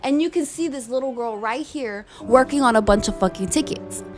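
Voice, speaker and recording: A woman's voice: fairly high pitch, fairly quick. Heated, cursing young woman ranting. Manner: heated, profane, emphatic. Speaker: vlogger telling a work story. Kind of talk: casual storytime rant over gameplay.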